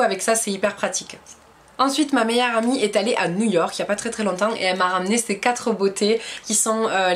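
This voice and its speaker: A young woman with a French accent chatting to camera about her beauty shopping haul, enthusiastic and full of fillers. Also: mid-range voice. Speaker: beauty vlogger. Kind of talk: casual haul chat to camera.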